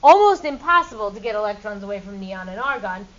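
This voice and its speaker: A woman's voice: mid-range voice, expressive, fast, fairly bright tone, highs cut off. A middle-aged woman teaching a chemistry class, quizzing students in a playful, upbeat way. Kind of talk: classroom lecture.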